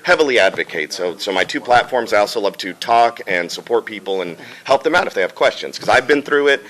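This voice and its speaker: A man, a voice actor, chatting casually in an interview, rambling and animated. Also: fairly low pitch, a little fast, rough recording. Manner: animated, rambling, laughs often. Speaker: voice actor guest.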